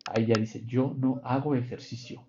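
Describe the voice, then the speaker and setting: Man, english teacher, online class, patient explaining, warm mellow tone, muffled recording. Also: medium pitch, steady tone, normal speed, slight background noise. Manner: patient, explanatory, checks in with students. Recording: dull lo-fi online class audio.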